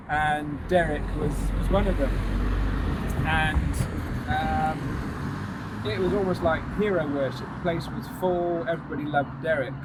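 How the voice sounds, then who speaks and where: A man guiding a ghost walk, telling anecdotes casually and hesitantly to a small group outdoors. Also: a little high. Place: outdoors on a walking tour near a road. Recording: noisy outdoor recording with passing vehicles.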